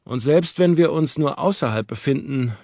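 A man's voice: a little high, normal speed, a little mellow, no echo, studio quality, lightly acted. A man voicing an earnest, worried middle-aged lawyer who urges his friend on in a raised, hearty voice.

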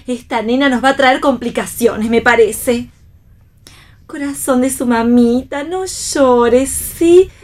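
A woman's voice: slow pace, darkish tone. A woman voicing an exasperated young mother who coos at her child and scolds her husband, in a radio theatre reading. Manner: cooing then shrill scolding.

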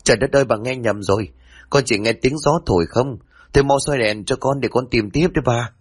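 A man voicing a cheeky, easily frightened young housemaid girl in a spoken ghost story, with shrill, excitable chatter. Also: brisk, slightly rough, close to an everyday voice. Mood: cheeky, eager.

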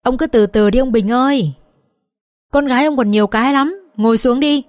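A woman's voice: moderate pace, a little mellow, dry recording, studio quality, natural voice. A woman playing a furious scheming mother-in-law. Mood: raging. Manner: shrill, scolding, cursing.

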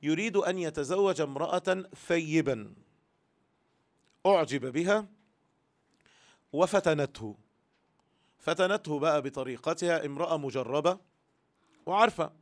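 Egyptian male religious teacher, high-pitched, earnest, voices the listeners' thoughts as his own. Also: unhurried, long pauses. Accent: Egyptian Arabic. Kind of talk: religious lesson to women.

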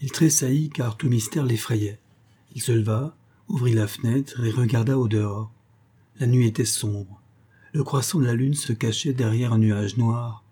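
Husky man reading a novel aloud. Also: medium pitch, normal speed, dark tone. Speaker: audiobook reader. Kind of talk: scripted narration.

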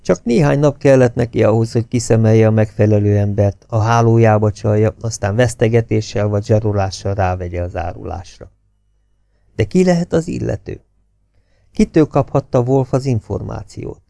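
A man narrating a novel as an audiobook reader in a steady, expressive reading style. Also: on the low side, creaky, no echo, studio quality.

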